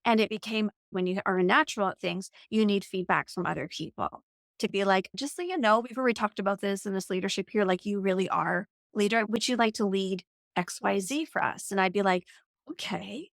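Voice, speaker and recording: A woman in her forties speaks as a guest on an interview, telling her story in an earnest, reflective way. Her voice sits at a middle pitch, and "like" keeps slipping into her sentences. The recording is dry and close, with no room echo. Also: fairly even intonation, brisk, gravelly, a bit bright. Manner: earnest, reflective, frequent "like" fillers. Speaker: podcast guest, coach. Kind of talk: conversational storytelling.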